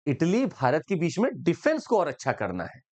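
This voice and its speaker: A man's voice: a little high, normal speed. Chatty, joking male current affairs teacher. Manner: chatty, lively, joking, mixes in English phrases. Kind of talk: lecture.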